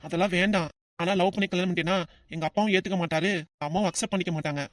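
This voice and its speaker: Cartoon: a voice actor as a cautious young student, southern Tamil Nadu accent, brisk and dry. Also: medium pitch, fairly even intonation, no echo, lightly acted. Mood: refusing. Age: 20s. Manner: hesitant, firm refusals. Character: cautious 20-year-old male student, dutiful son. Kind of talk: cartoon voice acting.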